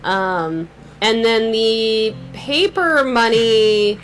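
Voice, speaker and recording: A woman's voice: on the high side, drawn-out words, a bit bright, soft background music. A young woman, a podcast guest chatting casually, rambling with lots of "like" and frequent laughs. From Canada. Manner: rambling, laughs often, fillers like "like". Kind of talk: casual chat.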